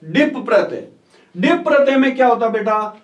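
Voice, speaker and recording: A man's voice: extremely high pitch, lively intonation, normal speed, echoey room, recorded from a distance, lo-fi sound. A man teaching an online grammar lesson. He asks his students questions and answers them himself, repeating each answer. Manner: repeats key answers, quizzes students as "बेटा".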